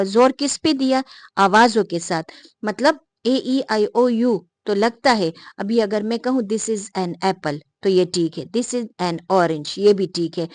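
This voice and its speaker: A woman teaching English grammar who keeps asking and answering her own questions and reads example sentences slowly. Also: medium pitch, no echo. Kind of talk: explanatory grammar lesson.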